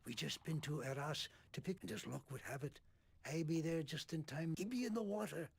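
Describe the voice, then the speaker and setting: An actor playing a gruff old sea captain in a video game, a gravelly storyteller spinning grim, rambling yarns. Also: male voice, fairly high pitch, a little fast. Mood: grim storytelling. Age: older. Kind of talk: video game character acting.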